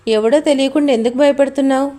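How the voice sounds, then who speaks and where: A woman's voice: high voice, fairly even intonation, quick pace, mellow, close to an everyday voice. A woman reading the lines of a protective young man in a love story, talking in a demanding, confrontational way.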